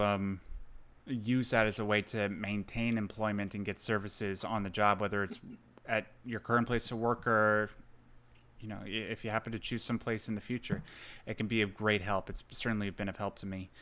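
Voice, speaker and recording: A podcast host with a lowish, slightly bright voice chats casually with a guest. He sounds encouraging and supportive.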